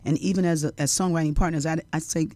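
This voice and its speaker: A middle-aged woman singer and songwriter, a guest in a studio interview, telling stories in a lively way, laughing often and breaking into song. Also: low voice, fast talker, dry recording. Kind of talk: casual interview chat with storytelling. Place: radio studio.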